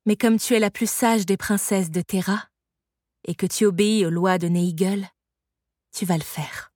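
A woman voicing a stern, sorrowful sorceress who cares for an orphan girl, speaking calmly and firmly in an audiobook. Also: medium pitch, normal speed, no room sound, studio quality, lightly acted. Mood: soft. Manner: calm, firm, soft-spoken. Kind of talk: audiobook reading.

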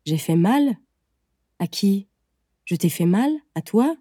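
A woman's voice: mid-range voice, animated, slow pace, mellow, husky, no echo, clean studio sound. A woman reading aloud voices an innocent, endlessly curious teenage boy who keeps asking naive questions. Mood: puzzled. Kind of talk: audiobook reading.

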